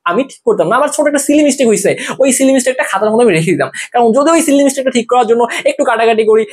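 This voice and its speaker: Rapid, chatty exam tutor, mid-range pitch, casual lesson. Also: expressive. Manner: rapid, chatty, asks and answers own questions.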